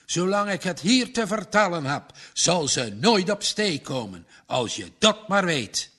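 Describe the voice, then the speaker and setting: A man's voice: very animated, unhurried, heavily acted. Man putting on an angry old farmer father. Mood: indignant. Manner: shouting, indignant, pitch jumps up.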